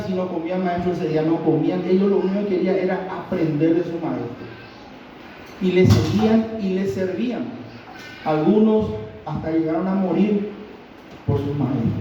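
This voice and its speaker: Paraguayan pastor preaching, high dark voice, far off in a big echoey church, kinda dull sound. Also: male voice, a little hiss or hum. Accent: Paraguayan Spanish. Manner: slow, deliberate teaching with pauses. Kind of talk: sermon. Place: church hall. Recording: distant, dull, very roomy church recording.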